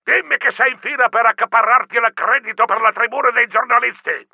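A man's voice: very high voice, brisk, creaky, dry recording, muffled recording, voice pushed up, heavily acted. A man voicing a bossy old grandfather mouse who barks commanding, clipped orders down the phone in an audiobook. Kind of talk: audiobook character voice.

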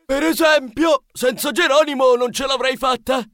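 A man voicing an excitable, high-strung male mouse pizza chef who squeals and exclaims in an audiobook. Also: normal speed, no room sound, studio quality. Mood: thrilled. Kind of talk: audiobook character voice.

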